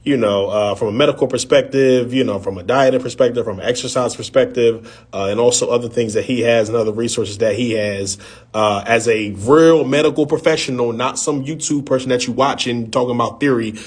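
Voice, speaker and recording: A man hosts an interview over a video call in an ordinary mid-pitched voice. He talks casually, leaning on fillers and repetition, and teases his guest now and then. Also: fairly quick, breathy edge. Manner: casual, filler-heavy, repeats himself, joking. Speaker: host.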